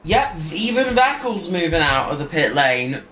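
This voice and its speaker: A man's voice: on the high side, big pitch swings, moderate pace, pushed and bright. A man giving chatty, joking, off-the-cuff live commentary on a sim race from his home streaming setup. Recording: roomy echo, faint music behind.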